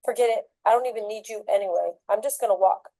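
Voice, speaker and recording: A woman's voice: mid-range voice, fast talker, mellow, dry recording, lightly acted, low-quality recording. A woman voicing an upset teenage boy. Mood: angry. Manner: curt, accusing outbursts. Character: agitated teenage boy texting angrily.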